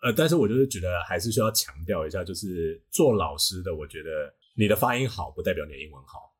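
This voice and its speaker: A husky male podcast host with a Taiwanese Mandarin accent and a slightly low pitch. He explains things in a casual, teacherly way, often hedging and repeating a phrase as he works toward his point. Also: animated, quick pace.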